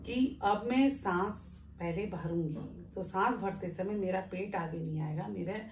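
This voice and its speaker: A woman yoga teacher giving a calm, step-by-step breathing lesson while she demonstrates it. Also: mid-range voice, unhurried. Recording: echoey room with faint background noise.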